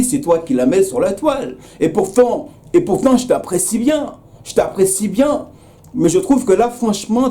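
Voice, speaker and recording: Earnest man with a bright voice. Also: high voice. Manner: earnest, repetitive, many hesitations, addresses another creator by name. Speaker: YouTube commentator. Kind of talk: direct-address video commentary.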